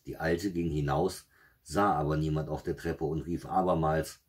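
A man with a husky voice reading a fairy tale aloud in a steady, measured way. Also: extremely low pitch. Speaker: storyteller.

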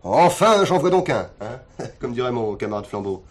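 A man's voice: mid-range voice, sing-song, moderate pace. An actor playing a defiant militant man under arrest who mocks the police and preaches politics, in 1970s TV drama style. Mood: mocking. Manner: mocking, clowning, preachy.

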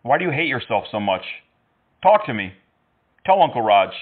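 A man's voice: medium pitch, big pitch swings, moderate pace. A man prank-calling scammers, mocking and teasing them with frequent laughter. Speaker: scam baiter. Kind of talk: prank phone call. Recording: tinny phone line.

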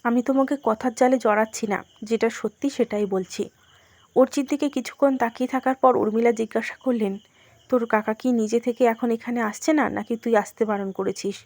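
A woman narrating a family drama and reading all of its characters in one steady storytelling voice. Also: on the high side, brisk, no echo. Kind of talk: scripted narration.

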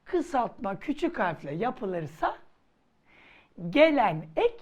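A woman teacher running an exam-prep grammar lesson in a theatrical style. She talks slowly and deliberately, her high voice swinging widely, and breaks into playful scolding and sudden shouts. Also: sing-song.

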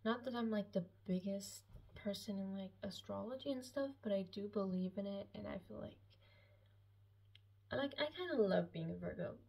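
Speaking at a moderate pace, this late-teen vlogger has a mid-range voice that is gravelly, darkish and slightly rough. She is a 17-year-old German speaker from Austria doing a casual personal Q&A to camera indoors in a small, lived-in room at home, rambling hesitantly and sounding self-conscious.

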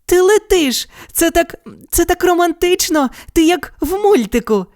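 Woman putting on a high bubbly little girl, gushing, storybook voice, dry close sound. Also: sing-song, normal speed, dry recording. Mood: delighted. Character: bubbly, sunny little girl, cheerful and affectionate. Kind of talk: storybook reading.

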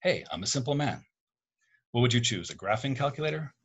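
A man voicing a calm, self-deprecating middle-aged father in a read-aloud story, close to his own voice. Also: medium pitch, a little fast, slightly rough, highs cut off. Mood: joking. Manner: calm, gently joking.

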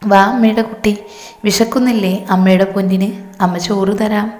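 A woman's voice: medium pitch, fairly even intonation, moderate pace, a little mellow, faint music behind, lightly acted. A woman voicing a loving older mother who coaxes her grown son as if he were a small child. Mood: doting. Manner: coaxing, speaks as if to a small child. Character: loving elderly mother, tender and doting. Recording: roomy with long reverb.

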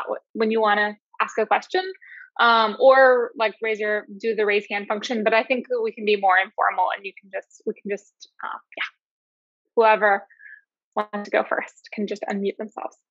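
A woman professor hosting her class on a video call, talking in a relaxed, informal, slightly hesitant way. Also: a little high, no room sound. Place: home office with bookshelves. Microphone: laptop video call. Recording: dry, dull video call audio.

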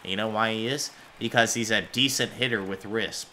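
A young man chats casually while he plays, grumbling at the game and joking at his own expense. His voice sits low with a bright, forward tone. Faint noise runs underneath. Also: steady tone, brisk. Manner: grumbling, self-deprecating. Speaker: gaming YouTuber. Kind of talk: casual gameplay commentary.

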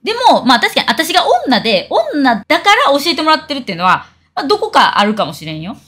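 Woman, young adult, blunt heated rant, fast talker, lively pitch. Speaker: streamer. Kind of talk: casual livestream chat.

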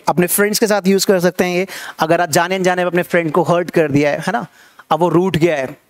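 An Indian man teaching an English class live, explaining in Hindi and saying the English phrases slowly and more than once. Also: high voice. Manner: coaxing, asks viewers to read along.

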